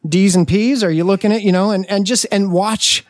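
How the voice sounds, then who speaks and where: A man in his forties on a podcast, telling a family story in a casual, animated way and acting out what others said. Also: high voice, a little fast, dry recording, studio quality. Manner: animated, acts out family quotes. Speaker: podcast guest.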